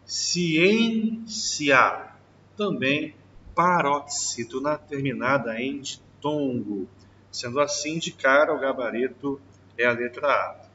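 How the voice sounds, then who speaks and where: A man's voice: medium pitch, sharp tone, slight background noise. A man, a teacher walking through an exam question and stretching out the key words. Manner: slow, drawn-out stress on key words. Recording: distant, dull mic in reverberant room.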